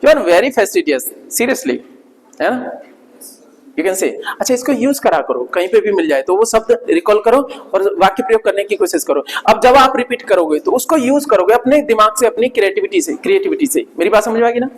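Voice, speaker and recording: A male teacher runs a vocabulary class, saying each word over and over at a slow, careful pace. He keeps tacking short check-in questions onto his sentences. His voice rings with a long reverb, as if he is in a large hall. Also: high voice, lively intonation. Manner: drills pronunciation by repeating words slowly; peppers speech with "isn't it" tags.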